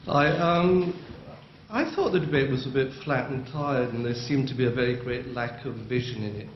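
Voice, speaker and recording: A man's voice: medium pitch, moderate pace, slight background noise. A man in the audience of a debate putting a long, articulate question to the panel with dry irony. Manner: articulate, dryly ironic. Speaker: audience member asking a question. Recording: dull, roomy hall recording.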